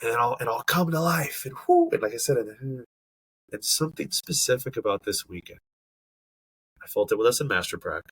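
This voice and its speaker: A podcast co-host in a casual conversation, this man has a mid-range, husky, fairly bright voice with a sing-song lilt at normal speed, recorded with no room sound. He talks earnestly and emphatically, stuffy-nosed from allergies, and often hunts for words.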